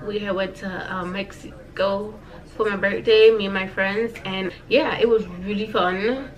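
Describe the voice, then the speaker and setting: In a recording with the highs cut off, an American vlogger in her thirties speaks to camera at a measured pace, her medium-pitched voice fairly even. Her casual life update is chatty and playful, with phrases repeated for emphasis.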